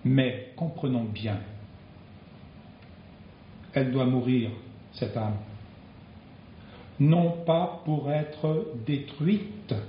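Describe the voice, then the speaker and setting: A man preaching a sermon in slow, deliberate phrases with long pauses. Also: mid-range voice, echoey room, highs cut off, a little hiss or hum.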